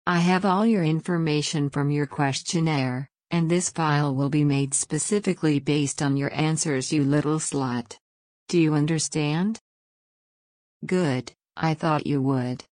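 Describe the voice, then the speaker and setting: A woman's voice: deep voice, measured pace, darkish tone, dry recording, studio quality. A woman giving scripted instructions straight to the listener in a strict, commanding, condescending manner. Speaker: dominant trainer in audio recording. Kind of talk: scripted direct-address narration.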